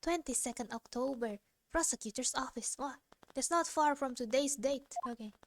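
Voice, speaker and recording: A woman's voice: high-pitched, normal speed, a little hiss or hum. A woman streamer giving casual, playful let's-play commentary, giggling often. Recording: music under the voice.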